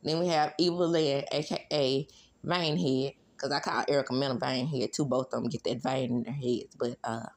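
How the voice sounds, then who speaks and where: Speaking at normal speed with an extremely low, steady voice, this woman from Mississippi in the United States has a Southern Mississippi accent. She chats casually as a sassy, blunt gossip commentator, tossing in conversational asides during her solo celebrity gossip talk.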